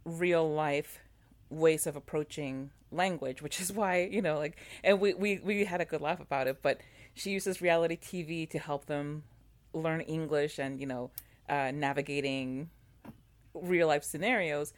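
Deep-voiced woman, talkative co-host, lots of restarts and fillers. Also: measured pace. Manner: animated, many fillers and restarts. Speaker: podcast co-host. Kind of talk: casual chat about a TV show.

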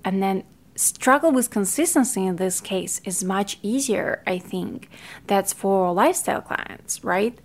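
A woman with a Ukrainian accent talks through her own podcast in a casual, earnest way. English is not her first language, so her phrasing has small slips and restarts. Her voice sits at an ordinary middle pitch. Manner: chatty, earnest, with non-native grammar slips and restarts. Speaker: podcast host, fitness coach. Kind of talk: casual solo podcast talk.

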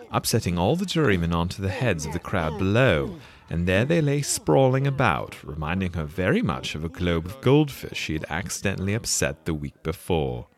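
A man narrating a storybook with expressive, theatrical storytelling. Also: deep voice. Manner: expressive storytelling, wide swings. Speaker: audiobook narrator. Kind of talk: scripted narration.

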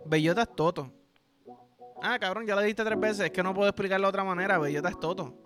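Young Puerto Rican male podcast host, high-pitched, crude and animated storyteller. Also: fast talker, over music. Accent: Puerto Rican Spanish. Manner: crude, animated, acts out dialogue. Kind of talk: casual storytelling.

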